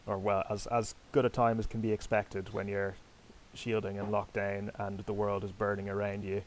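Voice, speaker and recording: A man's voice: lowish voice, monotone, normal speed, a little hiss or hum, rough recording. A man hosting and commentating online sailing races, chatty and self-deprecating, talking directly to his viewers. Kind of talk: live commentary over a sailing game.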